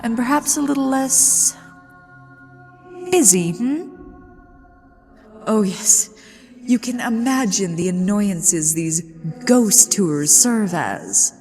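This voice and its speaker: Woman playing a slow, teasing ghost lady, deep reverb. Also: animated, mellow. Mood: haughty annoyance. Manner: coy, aristocratic, teasing, slow and deliberate. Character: flirtatious, mischievous, genteel ghost lady of a haunted manor. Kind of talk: ASMR roleplay. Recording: long echoing reverb with music behind. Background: music.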